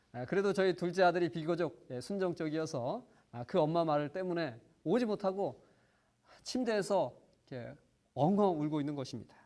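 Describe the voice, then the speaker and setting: A man's voice: high-pitched, darkish tone. A man preaching a sermon, telling a personal story earnestly, with frequent small fillers and phrases that swell for emphasis.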